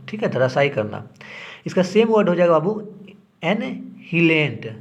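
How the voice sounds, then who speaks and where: A man teaching English vocabulary for exams, repeating each word and ending phrase after phrase with a short checking tag. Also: on the high side. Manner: calls viewers affectionately. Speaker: exam prep teacher. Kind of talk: Hindi vocabulary lesson.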